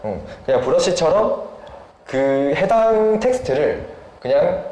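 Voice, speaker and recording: A lively man with a high voice explains at a measured pace in an echoey room, crowd noise around him. He's a software developer being interviewed about a product, polite and often humming briefly between phrases, with faint background noise in the recording.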